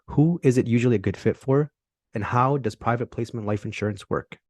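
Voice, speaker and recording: A man hosting a podcast who reads a scripted intro and then asks questions in a relaxed way. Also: mid-range voice, brisk, no echo. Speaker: podcast host.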